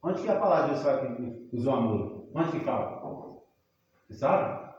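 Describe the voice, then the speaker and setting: A Brazilian man preaching a teaching sermon, talking with the congregation in a conversational way, asking them questions and sometimes rising to a shout. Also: mid-range voice, lively intonation, normal speed, dull audio. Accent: Brazilian Portuguese. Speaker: pastor. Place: church hall. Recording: very echoey church room.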